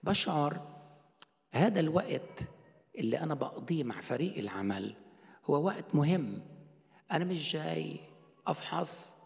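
A man's voice: a little high, animated, normal speed, gravelly, long pauses. A middle-aged man, preaching a sermon as a pastor in a conversational way, asking rhetorical questions. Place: church hall. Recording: long hall reverb.

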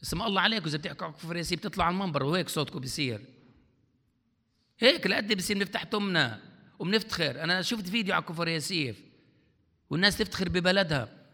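Fast-talking male preacher, bright gravelly voice, long hall reverb. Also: lively intonation. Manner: fervent, swings between loud exhortation and low asides. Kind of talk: sermon.

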